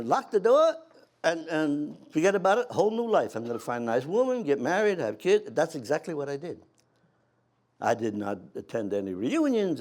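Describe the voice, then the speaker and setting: An elderly American man, in his eighties or older, reminiscing as an old war veteran in animated anecdotes, with halting restarts and acted-out dialogue. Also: fairly high pitch. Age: 80s or older.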